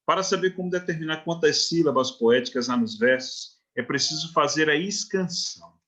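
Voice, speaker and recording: A man's voice: a little high, normal speed, sharp tone. A man with a Brazilian Portuguese accent teaching a recorded literature lesson, checking in often with short questions and reading verse lines out syllable by syllable. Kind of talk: recorded online lecture.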